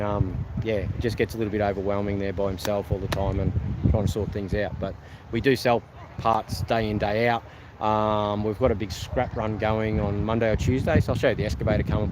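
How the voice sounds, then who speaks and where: A man's voice: on the low side, a little hiss or hum, poor audio. A man with an Australian accent, live-streaming casual chat to viewers at an outdoor car show, rambling with lots of ums and restarts.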